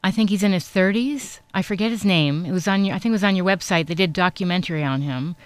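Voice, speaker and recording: A woman conducts a radio interview in a chatty, conversational way. Her voice sits a little low, and the sound is dry with hardly any room to it. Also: fast, smooth. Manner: chatty, reacts with short echoes and interjections.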